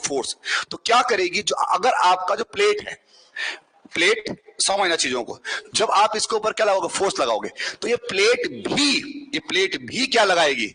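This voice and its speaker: Bright, husky-voiced man teaching a class. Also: high voice, sing-song. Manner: brisk, coaxing, keeps asking the class questions. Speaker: civil engineering teacher. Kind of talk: exam-prep lecture.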